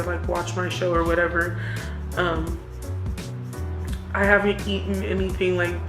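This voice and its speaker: A woman vlogger chatting casually and confessionally, candid and reflective, talking herself into encouragement. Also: on the low side. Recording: roomy echo with music behind.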